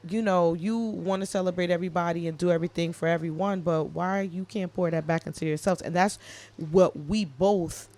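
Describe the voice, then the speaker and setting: A woman in her late thirties co-hosting a podcast, talking in a casual, animated, jokey and heartfelt way. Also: on the low side, fairly quick. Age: 30s. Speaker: podcast co-host. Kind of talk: casual chat.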